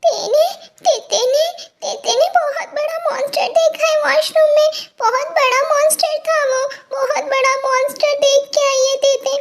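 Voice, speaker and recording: A woman's voice: very high-pitched, normal speed, background noise. A woman voicing a timid, childish young woman who wails dramatically and calls herself by her pet name, in a fan fiction story. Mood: whiny.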